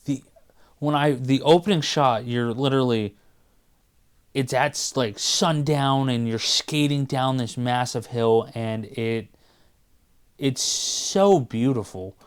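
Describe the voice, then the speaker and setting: A man's voice: mid-range voice, takes it slowly, clear, resonant tone. A man in his forties co-hosting a podcast, chatting casually with a rambling, enthusiastic manner and sometimes losing his train of thought. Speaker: podcast co-host. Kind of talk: casual chat.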